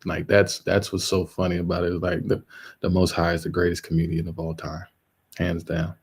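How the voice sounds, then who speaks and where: Gravelly low-voiced man riffing on a livestream. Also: monotone, moderate pace, poor audio. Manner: loose, rambling, joking, laughs often. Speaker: livestream host. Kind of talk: casual livestream commentary.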